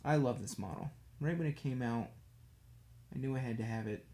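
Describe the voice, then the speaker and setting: While working a brush over his miniatures, a man chats absent-mindedly on a livestream, rambling and poking fun at himself. He has a warm, medium-pitched voice at normal speed.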